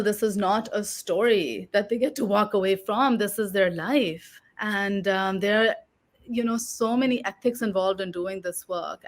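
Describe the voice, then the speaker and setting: A woman author and oral historian answering interview questions in a measured, reflective way, slightly hoarse and pausing with fillers. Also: mid-range voice. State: losing her voice.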